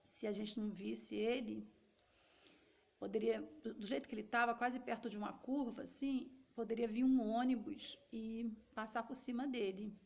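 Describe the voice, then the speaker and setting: A Brazilian Portuguese woman recounting a personal testimony, talking straight to her listeners. Her voice is fairly high with a gravelly texture. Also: steady tone, normal speed, darkish tone. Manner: conversational, addresses listeners directly. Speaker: storyteller. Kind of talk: personal testimony, casual storytelling.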